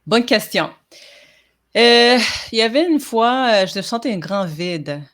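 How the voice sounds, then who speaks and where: A woman with a fairly bright voice on the high side speaks a little slowly. She is from Montreal, Quebec, and English is her first language. As a podcast guest in a casual interview, she sounds hesitant, with many fillers and restarts.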